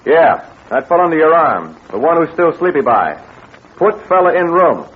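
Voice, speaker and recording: A breezy, wisecracking adventurer barking orders in classic 1940s radio-serial style. The sound is an old radio show, narrow and tinny. A faint hiss sits under it. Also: male voice, on the high side, sing-song, moderate pace. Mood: commanding. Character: tough, wisecracking grown male adventurer.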